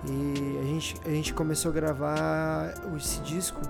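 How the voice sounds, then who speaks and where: A man from southern Brazil with a Brazilian accent, chatting casually and slangily as a podcast guest, thinking aloud in halting phrases. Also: fairly high pitch, little pitch movement, creaky, loud music behind the voice. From Rio Grande do Sul, Brazil. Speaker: podcast guest, drummer in an independent band.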